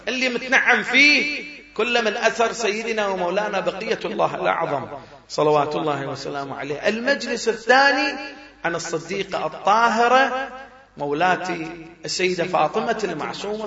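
Impassioned preacher in an echoing hall. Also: male voice, very high-pitched. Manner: impassioned, swells to loud emphatic cries. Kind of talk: religious sermon. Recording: echoey hall, dull lo-fi sound, crowd.

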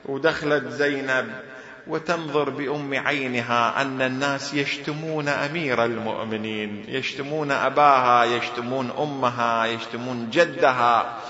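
A man preaching a mourning sermon, telling the story dramatically, dropping to low murmurs and rising to cries. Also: fairly even intonation, normal speed, sharp tone, echoey room, highs cut off.

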